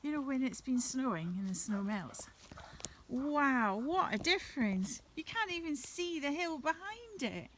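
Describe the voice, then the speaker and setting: Lady vlogging on a walk, chatty and gentle, bit of a high voice, faint outdoor sound behind. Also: very animated, a little slow, slight background noise. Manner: chatty, gentle, talking to viewers while walking. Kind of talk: casual walking vlog narration. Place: outdoors in woods by a river.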